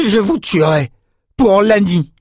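A man's voice: medium pitch, expressive, slow, a little mellow, breathy edge, no room sound, clean studio sound, pitched above the performer's own voice. A man voicing a desperate young male wizard who cries out in a raised, strained voice, in a storybook reading. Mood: furious.

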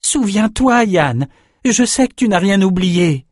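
A man voicing a gentle young male swordsman, earnest and pleading, in a storybook reading. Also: sits high, moderate pace, no echo, clean studio sound, voice pushed up.

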